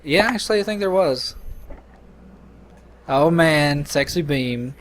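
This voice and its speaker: A man with a slightly high voice rambles and jokes through casual game commentary, full of crude asides. His mic picks up a lot of hiss and game noise behind him. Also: expressive, takes it slowly. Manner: joking, rambling, crude banter. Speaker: let's play host. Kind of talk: casual commentary over gameplay.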